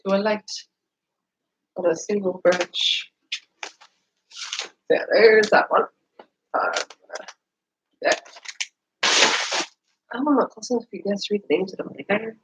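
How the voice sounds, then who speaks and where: A streamer and writer who is starting a cold sounds sniffly while wrapping gifts at home on a noisy recording. The medium-pitched voice is a little slow with frequent pauses, rambling casually and apologetically to viewers and to themself.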